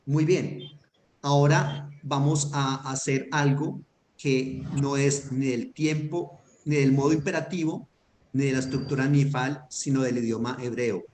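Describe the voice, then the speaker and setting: A man's voice: mid-range voice, darkish tone. Patient, methodical male teacher. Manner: patient, methodical, checks understanding often. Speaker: Hebrew teacher. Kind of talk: online grammar lesson. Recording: echoey room with faint noise.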